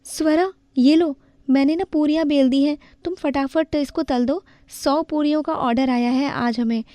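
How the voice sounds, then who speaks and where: A woman voicing a brisk young widowed daughter-in-law giving quick instructions. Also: sits high, fairly even intonation, dark tone, dry recording, voice pushed up, close to an everyday voice.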